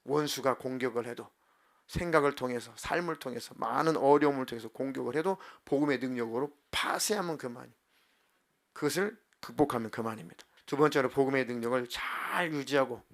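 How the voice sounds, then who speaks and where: A male pastor preaching a sermon in church, acting out heartfelt prayers and swinging from soft to loud. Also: medium pitch, fairly quick. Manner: acts out prayers and inner voices with big swings in loudness. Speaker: senior pastor. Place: church sanctuary.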